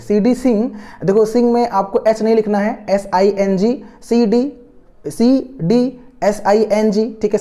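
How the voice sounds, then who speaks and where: A male tutor talks students through memory tricks for an exam-prep lesson, circling back to repeat each key word. His voice is soft and mellow, with no edge to it. He fills gaps with hesitant fillers and keeps gently coaxing students to follow along. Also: high-pitched. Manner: coaxing and encouraging toward students. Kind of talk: online lesson explaining memory tricks from slides.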